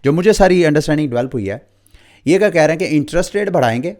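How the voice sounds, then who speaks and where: A man's voice: on the high side, expressive, quick pace, darkish tone. A man from Pakistan with a Pakistani Urdu accent, hosting a crypto market update and explaining the news straight to his viewers, with English terms mixed in.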